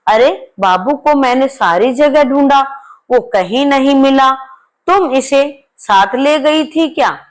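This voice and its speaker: A woman's voice: high voice, expressive, takes it slowly, voice pushed up. A woman doing a jealous elder sister-in-law. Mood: feigning. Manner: gloating, then pleading.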